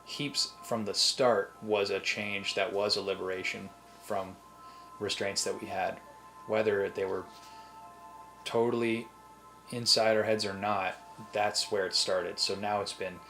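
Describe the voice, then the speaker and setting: Bright-voiced man, earnest and measured. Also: lowish voice, rough recording. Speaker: band member. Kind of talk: reflective interview answer.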